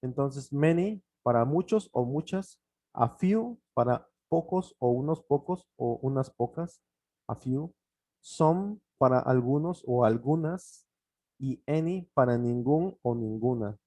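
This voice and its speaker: A man whose first language is Spanish, teaching an online English grammar lesson, explaining step by step and repeating examples, often pausing with fillers. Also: medium pitch, expressive, dark tone, dry recording.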